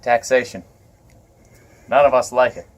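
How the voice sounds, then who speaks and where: A man's voice: mid-range voice, steady tone, unhurried, lightly acted. A man doing a rambling older politician. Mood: indignant. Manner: rambling, preachy speech with folksy asides. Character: blustering older male anti-tax politician. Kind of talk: comedy sketch monologue.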